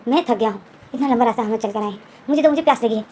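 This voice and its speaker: A woman's voice: fairly high pitch, rapid-fire, warm tone, slight background noise, natural voice. Woman doing a snappish, selfish young man. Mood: irritated.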